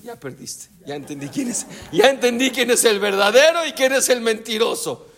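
A rabbi tells a teaching story in a high, lively voice. His pitch climbs and dips all the time, and he keeps drawing his listeners in with rhetorical questions. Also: normal speed. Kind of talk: storytelling Torah class.

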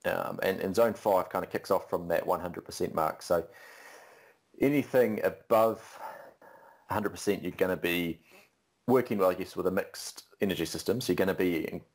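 A man with a very low voice co-hosts a podcast in a relaxed, joking way. He explains things loosely, leaning on filler words. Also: moderate pace. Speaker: podcast co-host. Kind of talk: casual podcast chat.

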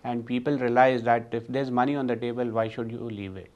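A man with an Indian accent speaking as an investor guest in an interview, explaining in a halting way with the odd Hindi word mixed in. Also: medium pitch, level tone, darkish tone, highs cut off. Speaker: guest, full-time investor. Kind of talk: conversational interview discussion of investing.

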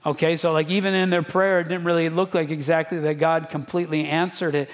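A man's voice: fairly high pitch, flat delivery, brisk. A man preaching a sermon as a pastor, casual and fervent, with slangy asides. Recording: long reverb of a large hall.

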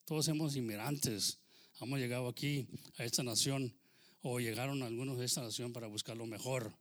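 A Mexican American pastor from the United States preaches a fervent Spanish sermon at a fairly quick clip, his mid-range voice steady and fairly bright. He slips into English phrases, keeps saying amen and hermano, and works in a joking story.

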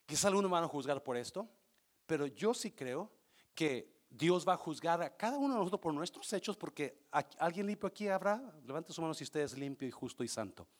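A male pastor preaching a sermon, questioning the congregation and building to loud peaks. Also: a little high, lively intonation, a little fast.

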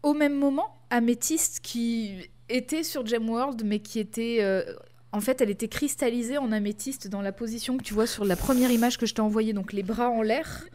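A woman's voice: a little high, steady tone, normal speed, darkish tone. A woman co-hosting a casual chat, explaining a comic series with many fillers and restarts. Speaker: podcast co-host.

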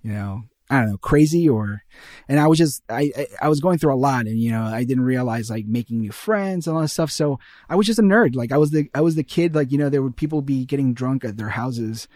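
A man's voice: mid-range voice, brisk, a little mellow, dry recording, clean studio sound. A young man from Ecuador, a guest in a casual podcast chat, talking in a rambling way with many fillers and restarts. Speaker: guest, animation artist.

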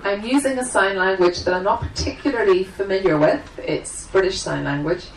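A woman with a mid-pitched voice interprets aloud for a seminar. She delivers announcements to the room in halting, separate phrases. The microphone sits some way off, and there is faint noise in the background. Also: recorded from a distance, poor audio. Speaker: sign language interpreter voicing the signers. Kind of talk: spoken interpretation of a seminar introduction. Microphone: microphone at the front of the room.

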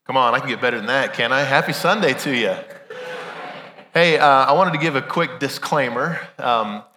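A male pastor delivers a conversational Sunday sermon with a bright, forceful edge on a voice weakened and strained by illness. He leans on rhetorical questions, and his mid-pitched words ring through a long church reverb. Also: normal speed, a little hiss or hum. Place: large church room during a service. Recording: reverberant hall sound.

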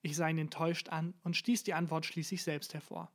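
A narrator reading a satirical first-person story in a dry, deadpan way. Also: medium pitch, brisk.

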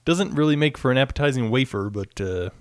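A man co-hosting a casual podcast, dry and teasing in manner. He speaks at an average pitch, and the sound is dry and close. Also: lively intonation, brisk, no echo. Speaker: podcast co-host. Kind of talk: casual chat.

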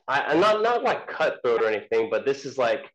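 A man's voice: mid-range voice, sing-song, brisk, a bit bright, dull audio. A man, an ultrarunner guest, answering interview questions in a casual, hesitant way with many ums and restarts.

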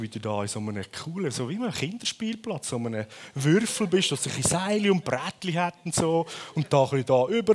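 A Swiss man with a Swiss accent and a slightly high voice preaches a sermon in a lively, storytelling style, often ending phrases with a questioning tag.

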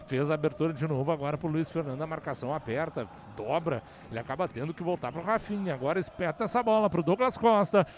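A man giving explosive football goal commentary, excitedly shouting and stretching out key words. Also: fairly high pitch, fast, hardly any pauses, slight background noise.

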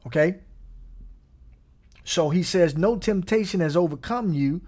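A man from Gary, Indiana, preaches a sermon in a slightly higher, husky voice at an unhurried pace. His tone stays relaxed and conversational as he checks in with listeners often, occasionally chuckling or dropping almost to a whisper.

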